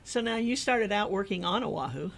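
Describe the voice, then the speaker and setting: This is a middle-aged woman from the Midwest hosting a laid-back radio interview. She is chatty, friendly and quick to laugh, and her voice has a gravelly edge. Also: medium pitch, expressive, slight background noise. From American Midwest. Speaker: radio show host.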